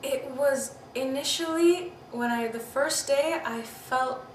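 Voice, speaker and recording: High-pitched and slow, a Pakistani woman in her twenties reflects candidly on her past in an interview, often saying "you know" and "I mean." Background noise and a distant mic give the recording a roomy sound.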